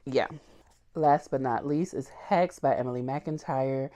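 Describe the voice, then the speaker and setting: A woman's voice: rumbling low, a little slow, mellow. A woman book vlogger chatting casually and candidly about what she read, with frequent ums. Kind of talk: casual book wrap-up chat.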